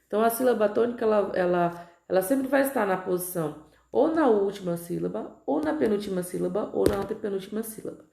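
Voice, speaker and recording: Gravelly-voiced woman teacher, echoey room. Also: medium pitch, lively intonation, warm tone. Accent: Brazilian Portuguese. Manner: slow, stretched-out pronunciation of example words, frequent "tá?" checks. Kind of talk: recorded online grammar lesson.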